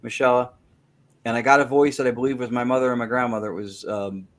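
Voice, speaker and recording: Speaking quickly in a steady tone, this mid-range male voice belongs to a spirit-communication researcher being interviewed. He walks through a technical method in detail, often repeating words while thinking and correcting himself along the way.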